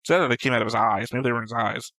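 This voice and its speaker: Racing along in a pushed, bright, mid-range voice with fairly even intonation, a man co-hosts a reaction show in a dry recording. The casual debate concerns an animated series, and he breaks down points with an exacting, argumentative manner.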